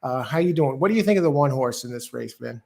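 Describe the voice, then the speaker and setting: A man's voice: mid-range voice, expressive, quick pace, vocal fry, warm tone. A man hosting a casual live horse racing show, chatting through picks and greeting listeners. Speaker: host.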